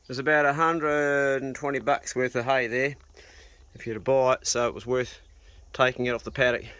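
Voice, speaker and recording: A man with a broad New Zealand accent vlogs outdoors on a farm and a small boat, giving laid-back, matey and slangy commentary and chat. His medium-pitched voice is clear and resonant, steady in tone and moderate in pace, set against loud outdoor wind and boat noise.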